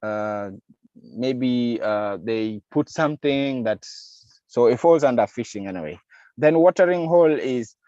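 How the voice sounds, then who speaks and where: A man's voice: medium pitch, expressive, unhurried, mellow, no echo, muffled recording. A man giving an online masterclass lecture on digital security, explaining step by step with frequent fillers and acting out lines that a scammer might say. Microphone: video call.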